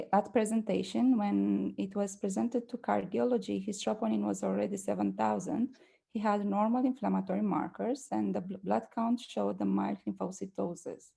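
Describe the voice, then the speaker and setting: A young woman from Romania, speaking with a Romanian accent. She presents a medical case carefully and hesitantly, with many fillers. Her voice is gravelly, dark and mellow. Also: mid-range voice. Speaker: presenting doctor.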